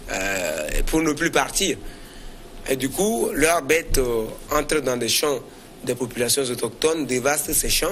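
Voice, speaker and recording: On a current affairs debate panel, a man offers spontaneous political commentary, frequently hesitating and repeating words while building his argument. His voice is medium-pitched and a bit bright, with slight hiss or hum on the recording.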